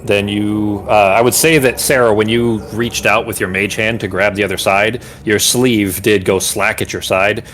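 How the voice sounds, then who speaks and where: A man's voice: on the low side, fairly even intonation, normal speed, hardly any pauses, fairly bright tone, a little hiss or hum. A man narrating a tabletop game as game master, rambling and searching for words with many restarts.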